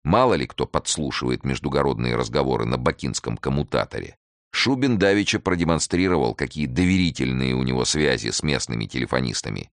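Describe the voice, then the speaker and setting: A man narrates a detective audiobook in a measured, even manner. His voice is extremely low and carries a gravelly fry. The recording is close and dry. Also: no echo.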